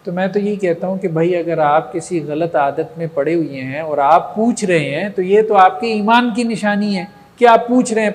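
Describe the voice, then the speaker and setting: Male religious teacher, high voice, long reverb, lecturing and checking in with the audience. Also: darkish tone. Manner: rhetorical, checks in with listeners often. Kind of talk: lecture on moral training.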